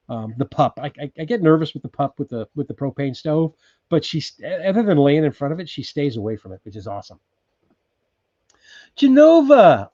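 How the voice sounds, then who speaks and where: A man's voice: fairly high pitch, no room sound. Rambling man in his sixties, dull dry sound. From California. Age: 60s. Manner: rambling, relaxed, many ums and restarts. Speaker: livestream host. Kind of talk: casual live chat reading viewer comments. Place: off-grid cabin in Alaska.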